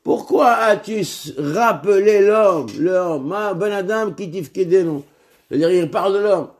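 Male Torah teacher, higher-pitched voice, explains texts with frequent restarts. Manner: halting, repeats words while explaining. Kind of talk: Torah lesson, reading Hebrew text and explaining in French.

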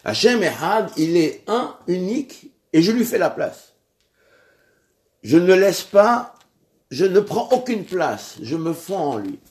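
Delivering a religious lesson, a man speaks in a measured manner full of pauses and restarts, lifting his voice on the important words and on questions. He is high-pitched and very animated, with a darkish tone.

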